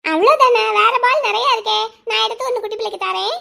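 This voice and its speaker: A woman voicing a gentle young schoolteacher in a cartoon who coaxes a crying child in a soothing sing-song way. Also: extremely high pitch, fast, creaky, full character voice. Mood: coaxing. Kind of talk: cartoon voice acting.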